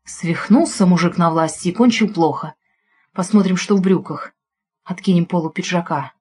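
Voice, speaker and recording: A woman's voice: lowish voice, moderate pace, a little mellow, husky. A woman narrating an audiobook expressively, following the heroine's thoughts.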